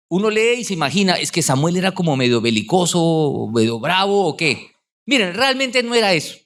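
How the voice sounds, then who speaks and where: A middle-aged man, a pastor preaching a sermon in a conversational way and putting questions to the congregation. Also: a little high.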